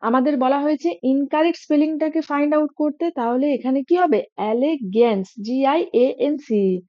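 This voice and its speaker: A high-pitched woman teaches exam spelling. She spells each word out letter by letter and mixes English into the lesson. The recording is dull and lo-fi. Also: quick pace. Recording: dull lo-fi audio.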